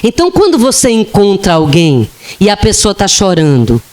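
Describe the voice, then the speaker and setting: A woman's voice: mid-range voice, huge pitch swings, darkish tone. A woman giving a spiritist lecture to an audience, telling humorous anecdotes and acting out the voices of people in them. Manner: slow, humorous storytelling with acted-out quotes. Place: lecture hall of a spiritist center.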